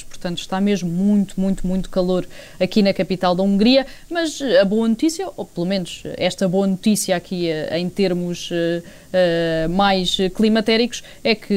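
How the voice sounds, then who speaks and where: A woman correspondent with a European Portuguese accent gives a live sports report. Her voice is very clear and smooth at a middle pitch, with thinking pauses and repeated words. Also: darkish tone. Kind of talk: live news report, unscripted.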